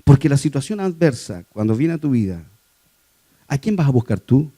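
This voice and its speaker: A man preaching a sermon to his congregation, moving between quiet personal testimony and raised, emphatic exhortation. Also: mid-range voice, big pitch swings, normal speed. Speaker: lay preacher.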